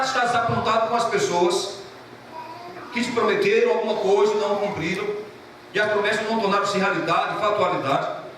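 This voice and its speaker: High-voiced pastor preaching in echoey church. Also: male voice. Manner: impassioned preaching, emotional storytelling. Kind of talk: sermon. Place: church sanctuary. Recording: echoey church from a distant mic, noisy.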